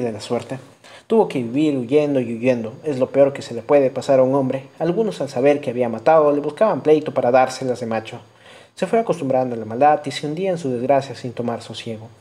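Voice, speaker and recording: A man with a Peruvian accent narrates a novel in a measured, steady storytelling manner. His voice is dark and mellow, and its pitch sits in the middle for a man. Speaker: audiobook narrator.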